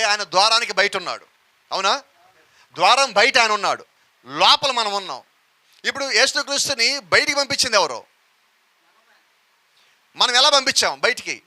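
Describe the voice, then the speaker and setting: A man's voice: high-pitched, pushed and bright. A man preaching a sermon, often asking the congregation questions and calling on them to answer. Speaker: pastor.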